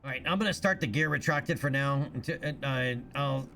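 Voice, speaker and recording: Bright-voiced man rambling on stream. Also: medium pitch, moderate pace, gravelly. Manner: rambling explainer, many fillers. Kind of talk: casual live-stream chat.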